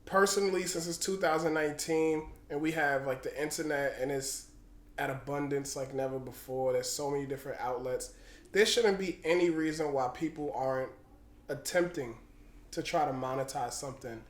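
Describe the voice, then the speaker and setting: A man's voice: medium pitch, steady tone, normal speed. A man talking casually as a podcast co-host in a slangy, loose, conversational manner. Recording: roomy, echoing sound.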